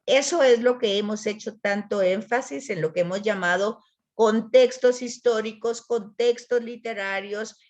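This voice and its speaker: A woman's voice: a little high, measured pace, dull audio. A woman teaching a Bible literature class online, explaining patiently and often checking with "¿verdad?". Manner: explains patiently, repeats words, frequent "¿verdad?".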